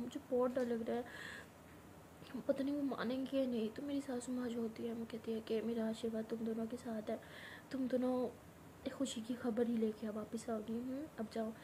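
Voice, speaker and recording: A young woman tells a personal story in the first person, acting out both sides of each conversation. Her voice sits high yet has a mellow, rounded tone, and she often drops to a hushed near-whisper. Faint noise sits under the recording. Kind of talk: first-person story narration with acted dialogue.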